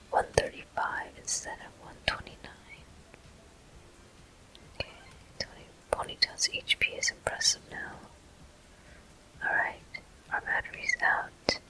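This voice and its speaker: An extremely high-pitched ASMR whisper, recorded at low quality, guides the listener through a video game like a gameplay host. It's breathy and very bright, sharply sibilant with almost no voiced tone, and paced in short, deliberate, unhurried phrases.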